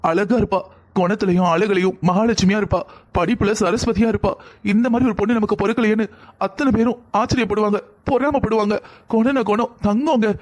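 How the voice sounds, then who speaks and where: A man's voice: high-pitched, lightly acted. A man voicing an anxious middle-aged father in a cartoon, speaking in a distressed, pleading way. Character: anxious middle-aged father begging help for his daughter. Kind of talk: cartoon voice acting.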